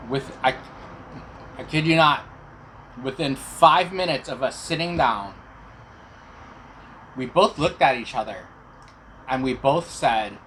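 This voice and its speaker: A man's voice: mid-range voice, a bit bright, low-quality recording. A middle-aged man telling personal stories casually to viewers, chewing while he talks. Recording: clear background noise.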